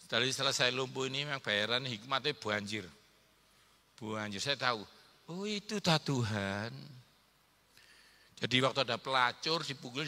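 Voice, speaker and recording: A man's voice: medium pitch, bright, forceful tone, in a large hall. A male pastor with an East Javanese accent, preaching a sermon in a joking, teasing way and calling for amens. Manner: joking, teasing the congregation, calls for amen.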